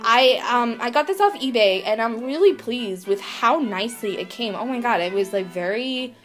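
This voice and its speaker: An excitable woman chatting through an unboxing for her vlog, her voice sitting a little high. She swears freely and peppers nearly every phrase with "like." Faint music plays underneath. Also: normal speed. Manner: excitable, swears a lot, says "like" constantly. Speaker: vlogger. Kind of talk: casual unboxing chat.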